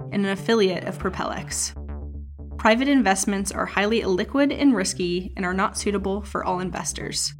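A woman announcer reads a scripted legal disclaimer. Her voice sits at a middle pitch, and synthesizer music plays underneath the formal wording.

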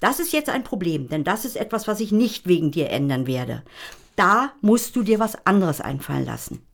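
A woman's voice: on the low side, sing-song, moderate pace, gravelly, heavily acted. A woman reading aloud the lines of a bold, provocative woman who firmly presses a child to speak up. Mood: challenging. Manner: read aloud from a script, firm and insistent.

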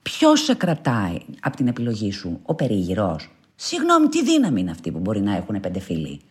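A woman's voice: a bass voice, huge pitch swings. A woman giving candid, outspoken advice in answer to a reader's letter, talking casually and swearing now and then. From Greece. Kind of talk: casual spoken advice monologue.

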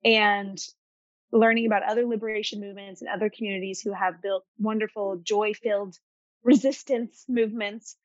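A young woman from Arkansas, a designer, answering interview questions over a video call in a thoughtful, measured way. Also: mid-range voice, fairly even intonation, no echo. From Arkansas, United States. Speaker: guest designer. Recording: dry, slightly dull video-call audio.

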